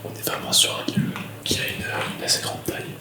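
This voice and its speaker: A man giving hushed, halting commentary while exploring a large abandoned building, filmed with a camera-mounted mic. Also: whispered. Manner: hushed, halting, with many fillers. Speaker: urban explorer. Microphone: camera-mounted shotgun mic. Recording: echoey hall with faint ambience.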